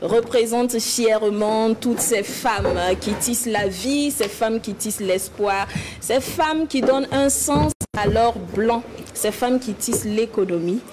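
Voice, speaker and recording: A woman's voice: fairly high pitch, a little slow. A woman presenting and interviewing as a talk show host, in rhetorical phrases with lists and repetition. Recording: clear background noise.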